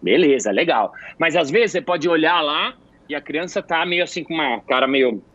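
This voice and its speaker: A man whose voice sits a little high speaks at a normal speed, with no echo. He works as a hospital clown and is at home telling stories in casual conversation, animatedly acting out the people he quotes with shifting voices. The recording is dry, dull, and lo-fi.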